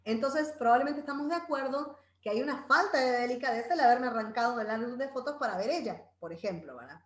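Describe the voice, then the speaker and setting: A woman's voice: on the high side, expressive, fast, echoey room. A woman leading a parenting Bible class in a conversational way, often checking in with her listeners and acting out children's voices. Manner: conversational, tags phrases with "¿verdad?"; acts out children's voices in quotes. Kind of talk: informal Bible parenting talk.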